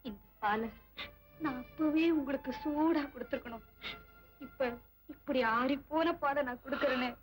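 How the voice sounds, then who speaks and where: A woman's voice: high-pitched, moderate pace, soft background music, close to an everyday voice, low-quality recording. An actress playing a hurt, defiant young bride who talks to her new husband in a reproachful, emotional way, in 1960s Tamil film acting. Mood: tearful. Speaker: newly married wife in a film drama.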